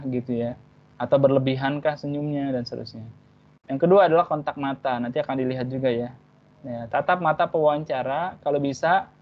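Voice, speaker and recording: A man with a mid-range voice leads an online training session for young school applicants. He explains in a relaxed teacherly way and keeps checking in with short tag words after each point. The sound is dull and lo-fi, like a video-call recording. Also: medium pitch. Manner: casual teacherly, tags points with "ya" and "gitu".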